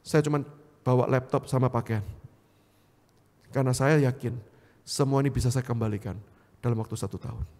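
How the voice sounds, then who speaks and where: A man preaching a sermon, telling a story dramatically, with swings from hushed whispers to loud climaxes. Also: medium pitch, fairly even intonation, brisk, pauses often. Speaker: evangelist preacher. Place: church hall. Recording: echoey church hall.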